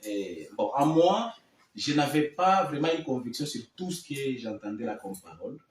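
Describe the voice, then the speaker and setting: A man's voice: mid-range voice, sing-song, normal speed, reverberant, far from the mic, low-quality recording. A man from the Democratic Republic of the Congo, a guest musician, answering hesitantly and repeating words as he searches. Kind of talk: studio interview.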